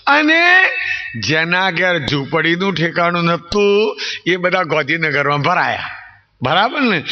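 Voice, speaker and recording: High-voiced man preaching, dull lo-fi sound. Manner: rhetorical questions to the audience, swooping emphatic delivery. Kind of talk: religious storytelling sermon. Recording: dull lo-fi recording.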